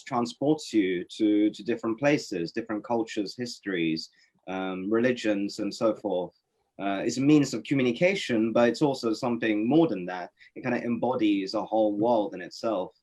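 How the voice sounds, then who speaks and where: A man from Norway, a poet and interview guest, giving thoughtful, reflective answers with many fillers and restarts on a webinar call. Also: lowish voice. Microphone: webinar video call.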